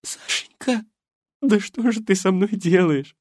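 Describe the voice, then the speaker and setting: Stern elderly wife, raised pitch, reproachful, a male narrator's take. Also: measured pace, a little mellow, dry recording. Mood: scolding. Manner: reproachful, chiding. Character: elderly woman, strict and scolding. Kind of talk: audiobook character voice.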